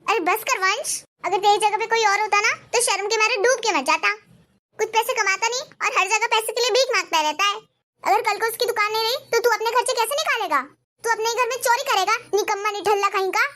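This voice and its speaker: A woman's voice: very high voice, a little fast, sharp tone. A woman voicing a harsh, scornful mother-in-law in a cartoon story, berating her son. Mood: scolding. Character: harsh scolding mother-in-law, middle-aged. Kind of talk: animated cartoon voice acting.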